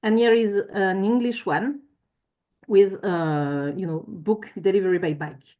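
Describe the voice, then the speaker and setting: A woman's voice: medium pitch, a little slow, warm tone. A woman giving a conference presentation with slides, speaking hesitantly with frequent fillers and self-corrections.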